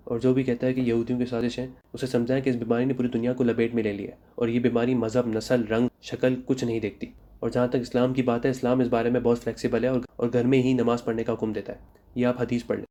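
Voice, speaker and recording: A young man from Pakistan fires off sarcastic jokes at a brisk clip, his voice dark and mellow. He later turns to steady public health advice in the same quick delivery. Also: mid-range voice. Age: young adult. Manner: sarcastic rapid-fire jokes. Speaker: comedy vlogger. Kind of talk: comic monologue then public health advice.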